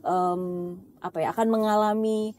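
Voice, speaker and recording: A woman host speaks thoughtfully at a medium pitch and mixes English phrases into her sentences. A faint hiss sits behind her voice. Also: steady tone, moderate pace, a little mellow. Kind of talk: casual chat.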